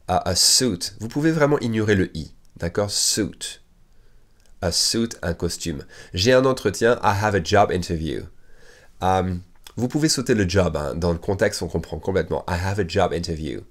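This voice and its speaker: Low-voiced man teaching English. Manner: repeats English phrases slowly, then explains in French; lively, with sudden rises in pitch and loudness. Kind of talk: video language lesson.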